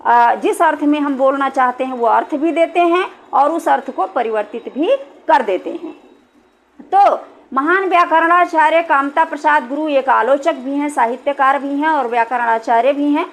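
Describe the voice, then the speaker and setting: High-pitched woman teacher going over grammar, patient, repeats stuff, keeps checking you got it. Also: moderate pace. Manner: patient, repeats points and checks with "thik hai". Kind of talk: explaining a Hindi grammar lesson.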